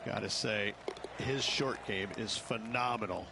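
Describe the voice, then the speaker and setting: An actor playing a golf analyst in a video game broadcast, explaining things in a conversational golf commentary style. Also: male voice, on the low side, unhurried. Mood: approving, explanatory. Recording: clear background noise.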